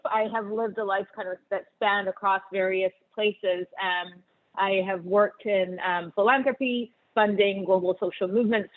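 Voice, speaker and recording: Woman from Barbados on a tinny call. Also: mid-range voice. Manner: thoughtful, many ums and uhs. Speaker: panelist. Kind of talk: conversational answer on a video call. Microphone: video call. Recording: tinny phone-like video call audio.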